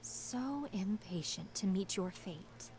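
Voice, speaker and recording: An actress playing a solemn, cryptic fortune teller in a video game, delivering theatrical prophecies. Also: female voice, mid-range voice, lively intonation, takes it slowly, darkish tone, a little hiss or hum, low-quality recording. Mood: cryptic, measured. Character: solemn, cryptic fortune-telling seer woman. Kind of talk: dramatic game voice acting.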